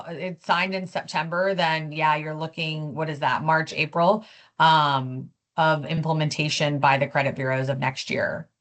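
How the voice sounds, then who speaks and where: A woman with a very low voice gives a policy update over a video call. She talks in a loose, conversational way, with frequent fillers and restarts. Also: fairly bright tone. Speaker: policy speaker. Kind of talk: webinar update.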